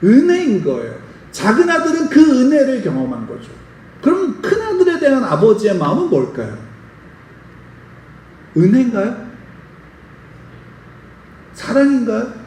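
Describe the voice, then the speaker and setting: A pastor preaching a sermon and telling a story, often putting questions to the congregation. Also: male voice, extremely high pitch, wildly swooping pitch, moderate pace, pauses often, darkish tone, a little hiss or hum. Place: church sanctuary. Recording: roomy church sound from a distant mic.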